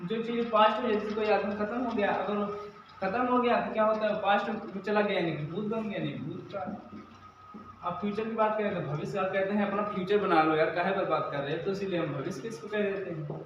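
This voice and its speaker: High-voiced man teaching in an echoey room. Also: brisk, slight background noise. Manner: explains step by step, asks and answers his own questions. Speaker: English teacher. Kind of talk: classroom lecture. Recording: echoey dull room sound from a distance.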